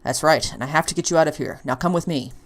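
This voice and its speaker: A woman reading a fan visual novel aloud, voicing a calm, steady male government agent in a level, reassuring, businesslike way. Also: low-pitched, quick pace.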